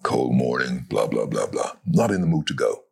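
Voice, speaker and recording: A middle-aged man from Barbados with a strikingly deep, gravelly voice, a little husky at the edges. He tells stories with lively, swooping intonation and slips into the voices of the people he describes. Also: normal speed. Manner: animated, acts out the voices of people in his story. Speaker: guest, voice actor. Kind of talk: storytelling in conversation.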